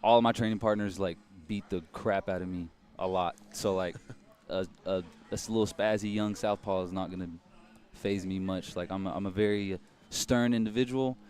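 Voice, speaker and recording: A man with a fairly low voice answers as an MMA fighter before a bout. He is confident and matter-of-fact, laying out his case in plain, short statements. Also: steady tone, normal speed, a little mellow. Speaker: MMA fighter being interviewed. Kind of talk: pre-fight interview.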